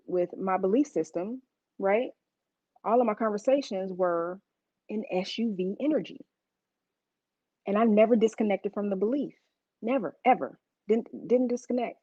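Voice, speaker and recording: A woman's voice: mid-range voice, a little mellow, dry recording, lo-fi sound. A woman preaching a sermon, telling stories to the congregation in a conversational, emphatic way.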